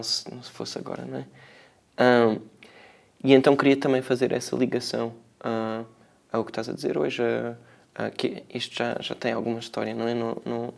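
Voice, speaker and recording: A man with a European Portuguese accent speaks in a gravelly, fairly even voice. He is a filmmaker giving spontaneous interview answers, feeling his way through ideas with hesitations and small tag questions. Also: mid-range voice. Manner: hesitant, reflective, searching for words, frequent tag questions.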